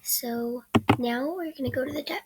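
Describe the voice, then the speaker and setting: A gaming channel host, this teenage girl is ill and her voice is fading; it sits high and sounds husky, with a moderate pace and no echo. She rambles hesitantly through casual commentary while playing on her computer, often drifting into soft mumbles. Loud background noise and clicks come through the computer mic used for screen recording.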